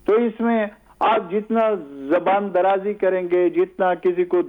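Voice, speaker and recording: A male analyst speaks over a tinny, phone-like line. His voice sits a little high, and he talks in a measured way, pausing often and restarting his sentences as he explains his view. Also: level tone. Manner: measured, hesitant with many fillers. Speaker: political analyst guest. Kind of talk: studio talk show discussion.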